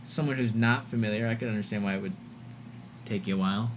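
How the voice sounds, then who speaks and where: Over background noise, a livestream host with a lowish voice rants quickly and with fairly even intonation. He's exasperated and profane, cursing frequently as he talks casually to his chat and mimics quoted voices mockingly.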